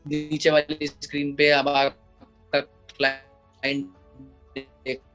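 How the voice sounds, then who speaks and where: A man's voice: on the high side, completely flat delivery, slow, a bit bright, soft background music. A man who is an advocate, answering interview questions in an explanatory way and slipping English phrases into his Hindi. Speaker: advocate and IP lawyer.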